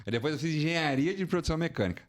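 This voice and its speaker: Rapid-fire and animated, this forties-aged guest from São Paulo, Brazil recounts his career on a podcast in colloquial Brazilian Portuguese with a São Paulo accent. He runs a financial consulting business, and the casual interview storytelling sees his pitch climb whenever he turns indignant.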